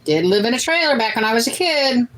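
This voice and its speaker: A woman's voice: fairly high pitch, animated, fast talker, fairly bright tone, slight background noise, poor audio. Chatty woman in her late forties reading comments. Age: late 40s. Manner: chatty, reads out comments and answers them. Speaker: host of a family cooking livestream. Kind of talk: casual livestream chat, reading viewer comments.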